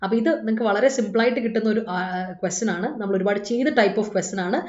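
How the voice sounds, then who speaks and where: A woman's voice: medium pitch, quick pace, a little mellow. A woman with a Malayali accent teaching an English exam class live online, chatty and coaxing her students. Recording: echoey room, dull lo-fi sound.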